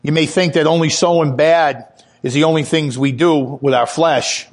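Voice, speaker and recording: A man giving a sermon, earnest and personal, telling his own testimony and growing louder and higher when he stresses a point. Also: fairly even intonation, moderate pace. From Italian heritage. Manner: earnest testimony, rises in pitch when emphatic. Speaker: preacher.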